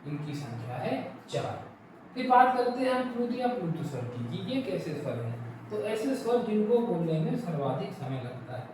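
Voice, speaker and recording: A man teaching a Hindi grammar lesson, asking the class questions and answering them himself, and stretching words out slowly to show the sounds. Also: high voice, very animated. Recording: echoey room, voice from a distance, clear background noise.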